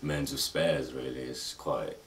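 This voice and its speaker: A man answering in a hesitant, deadpan joking way, full of ums. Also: very deep voice, a little slow, a crowd in the background. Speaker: cast member. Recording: distant mic with faint noise.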